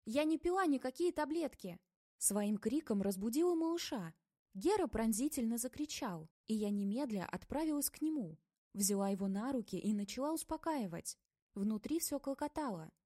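A woman narrating a first-person audiobook, reading with expressive, emotional delivery and voicing the heroine's dialogue. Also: on the high side, normal speed, no room sound, clean studio sound.

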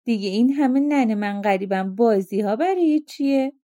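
A woman's voice: on the high side, expressive, warm tone, dry recording, studio quality, natural voice. A woman doing a glib, mocking fisherman. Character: sly, smooth-talking male fisherman.

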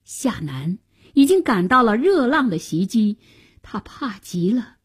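Slow, breathy woman storyteller. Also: on the high side. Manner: slow, expressive, lively storytelling. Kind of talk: scripted story narration for radio.

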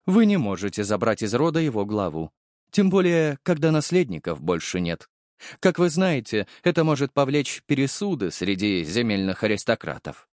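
A man doing a calm, measured male servant. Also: medium pitch, no echo, studio quality, voice pushed up, close to an everyday voice. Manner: quiet, measured, unflappable. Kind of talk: audiobook character voice.

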